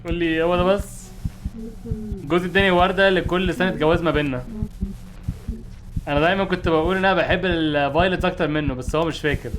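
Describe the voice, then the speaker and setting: A man voicing a lonely widowed woman's spirit who speaks quietly and sorrowfully. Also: fairly high pitch, quick pace, long pauses, background noise, lightly acted. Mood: eerie.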